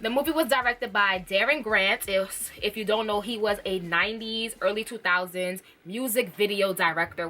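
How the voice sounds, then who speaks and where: A young woman chatting casually in a video review, animated and talkative, with sudden squeals and laughs. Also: medium pitch. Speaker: vlogger reviewing a TV movie. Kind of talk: casual chat.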